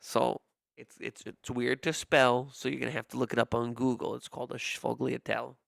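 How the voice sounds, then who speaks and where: Gravelly-voiced profane streamer. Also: male voice, mid-range voice, little pitch movement, normal speed, a bit bright, dry recording, clean studio sound. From Italian American. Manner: profane, self-mocking, acts out quotes in voices. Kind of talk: casual ranting monologue.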